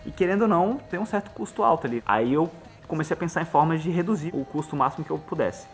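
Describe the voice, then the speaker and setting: A Brazilian man, a musician guest on a podcast, talking casually and fast, acting out little bits of dialogue as he explains. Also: on the high side, soft background music. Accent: Brazilian Portuguese. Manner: fast, animated, acts out dialogue.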